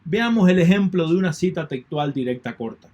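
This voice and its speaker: A man's voice: a little high, animated, brisk, darkish tone, highs cut off. A man teaching an online lecture in a methodical way, repeating key points and thanking his students. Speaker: university lecturer.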